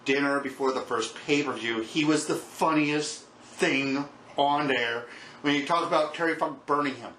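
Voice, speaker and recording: A man's voice: fairly high pitch, normal speed, pushed and bright. A middle-aged man co-hosting a podcast, reminiscing casually in a blunt, salty, joking way. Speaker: podcast co-host. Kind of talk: casual chat, reminiscing about wrestling. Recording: roomy echo with background noise.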